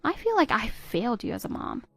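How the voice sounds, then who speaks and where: A woman voicing a patient, hurt middle-aged stepmother who pleads gently with her stepdaughter. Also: fairly high pitch, very animated, a little fast, vocal fry, dry recording, faint music behind, exaggerated voice. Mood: pleading. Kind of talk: text-story voice acting.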